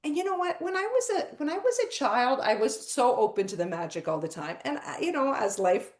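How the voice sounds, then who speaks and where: Brief: middle-aged woman, excitable storyteller, slightly high voice, roomy echo. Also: brisk. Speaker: podcast guest. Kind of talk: casual chat.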